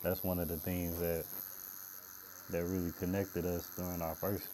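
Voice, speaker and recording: A man hosting a casual podcast interview, asking easygoing questions and giving short, relaxed replies. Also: low-pitched, normal speed, slight background noise, low-quality recording. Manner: laid-back, short affirmations. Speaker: podcast host, tattoo artist.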